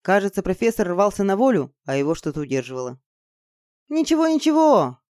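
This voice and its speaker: A woman reading an audiobook aloud in an expressive, measured storytelling manner. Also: fairly low pitch, no room sound, clean studio sound. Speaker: audiobook narrator. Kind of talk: scripted narration.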